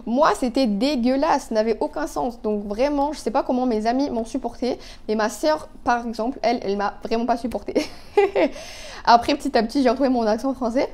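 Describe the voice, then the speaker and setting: A woman's voice: on the high side, brisk, hardly any pauses, darkish tone, slight background noise. A young woman in her twenties chatting casually while doing her makeup, talkative and full of fillers and asides. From Canada. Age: 20s. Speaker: beauty vlogger. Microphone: phone.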